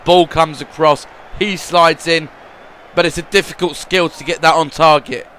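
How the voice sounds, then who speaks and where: This man's voice-over on his football video game career wanders, with frequent repeated words and moods lurching from gloomy to excited. His pitch is fairly high, his pace moderate, and there's slight background noise.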